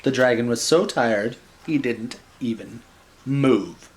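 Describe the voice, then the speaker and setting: A man reading a children's bedtime story in an animated style, with wry, joking casual asides. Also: mid-range voice, slow pace, a little hiss or hum.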